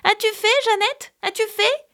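A woman's voice: extremely high pitch, unhurried, fairly bright tone, pitched above the performer's own voice, exaggerated voice. A woman voicing an ugly, wicked man who pretends to be a sick grandmother, speaking in a plaintive, wheedling way. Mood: plaintive, coaxing.

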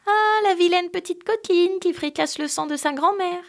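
A woman's voice: very high-pitched, moderate pace, creaky, pitched above the performer's own voice. A woman voicing mocking angel voices that chant from a chimney in a sing-song, taunting way.

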